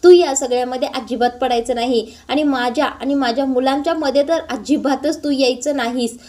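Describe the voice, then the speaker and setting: A woman voicing an angry, stern grown man who scolds the people around him, in her own high voice. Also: fairly even intonation, brisk, dark tone, lightly acted. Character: angry, upset grown man, head of house.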